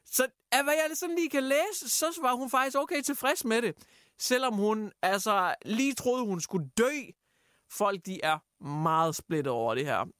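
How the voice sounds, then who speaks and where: A man hosting a casual radio show, telling stories in an animated way and acting out quotes with lots of fillers. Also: very high-pitched, clean tone, no room sound, studio quality. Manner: animated storyteller, acts out quotes, many fillers. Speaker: radio host. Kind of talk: casual chat, retelling news stories.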